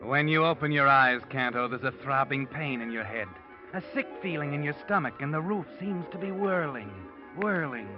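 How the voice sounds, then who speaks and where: A man's voice: a little high, moderate pace, close to an everyday voice. A man voicing a mysterious narrator who speaks ominously to the guilty in a 1940s radio drama. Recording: dull old radio broadcast with music.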